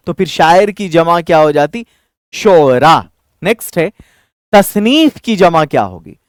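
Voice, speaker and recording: A man's voice: no room sound, studio quality. A man teaching Urdu vocabulary in an exam-prep lesson, asking questions and repeating the answers for drill. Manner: lively, rising on each question, dropping low on answers; repeats key words for drill.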